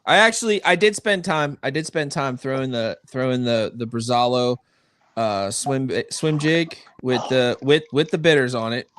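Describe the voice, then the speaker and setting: A man's voice: medium pitch, normal speed, fairly bright tone, clear, resonant tone. A man co-hosting a livestream, chatting casually, laughing easily and often restarting his sentences. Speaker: co-host. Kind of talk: casual chat.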